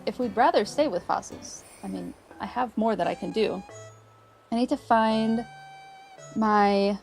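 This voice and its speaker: A woman hosting a livestream, chatting casually and cheerfully with viewers while she plays a cozy game. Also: a little high. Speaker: livestream host.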